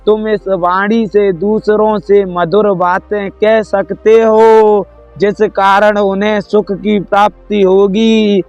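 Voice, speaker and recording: A serene, wise spiritual teacher, as a male narrator reads him, high-pitched for a man and speaking in an even, flat tone. He counsels gently and slowly. The sound is dull and lo-fi, with faint music underneath. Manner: gentle, instructive.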